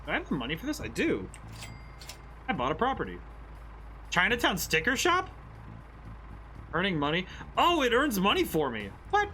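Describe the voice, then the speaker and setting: A man giving excited, bemused, exclamatory commentary while playing a video game. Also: sits high, moderate pace, pauses often, a little hiss or hum. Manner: exclamatory, reacts aloud with ows and laughs. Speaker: game streamer, game designer. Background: game music.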